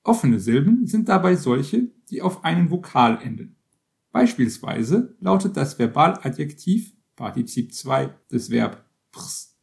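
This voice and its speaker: A man reading an encyclopedia-style text aloud as scripted narration, in a measured, list-like way. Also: fairly high pitch, a little mellow. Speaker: reader.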